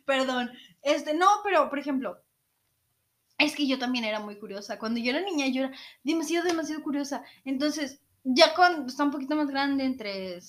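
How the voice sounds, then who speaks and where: A woman's voice: high-pitched, animated, normal speed. A woman co-hosting a podcast, telling a childhood story in casual chat, laughing often and acting out quotes. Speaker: podcast co-host.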